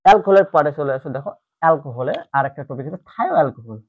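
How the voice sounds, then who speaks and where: A man's voice: fairly high pitch, expressive, very fast. A man teaching chemistry in an online lecture, explaining step by step and repeating the key terms. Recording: tinny phone-like audio.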